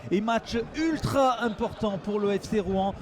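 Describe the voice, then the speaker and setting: A man giving excited sports commentary as a football match commentator. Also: high voice, measured pace. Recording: music and outdoor noise behind voice. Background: music.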